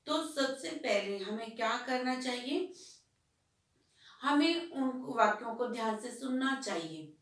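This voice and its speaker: A woman teacher talks slowly and patiently, her voice a little high. She asks the class questions and answers them herself. The sound is very echoey and comes from far off, as if a room mic picked her up. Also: animated, fairly bright tone. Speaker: school Hindi teacher. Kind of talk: classroom lesson explanation.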